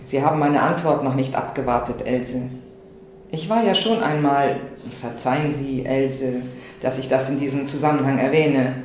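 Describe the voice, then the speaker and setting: A man voicing an older gentleman who talks in a slow, smooth, condescending way, in an echoey room with faint noise. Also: mid-range voice, close to an everyday voice.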